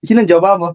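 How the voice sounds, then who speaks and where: A man with a high-sitting voice records a casual vlog in his bedroom alongside his small child, and the background is noisy. Though stuffed up with a cold, he keeps teasing and joking, laughing frequently.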